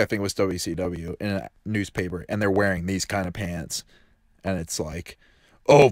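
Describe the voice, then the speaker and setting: A man's voice warped by a glitchy mic into a deep demonic half-robot growl, fairly low in pitch. He rambles and swears his way through loose podcast banter. The sound is dry and close. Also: no room sound. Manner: rambling, swears constantly, laughs often. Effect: distorted deep demonic, half-robot mic filter. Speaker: podcast co-host. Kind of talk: casual profane podcast banter.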